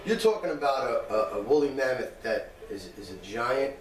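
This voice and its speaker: A man telling rambling stories in relaxed conversation, often restarting his sentences. He sounds distant from the mic in an echoey room. Music runs underneath. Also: medium pitch, moderate pace. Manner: rambling storyteller, many restarts. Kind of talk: casual chat.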